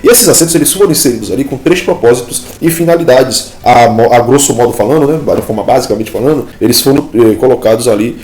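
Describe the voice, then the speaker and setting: A man's voice: mid-range voice, fast, hardly any pauses, a little mellow. Man teaching Hebrew grammar in an echoey room. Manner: explains step by step with many "né?" and "tá bom?" checks; points at text on screen while explaining. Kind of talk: explanatory lesson. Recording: echoey room, faint music behind.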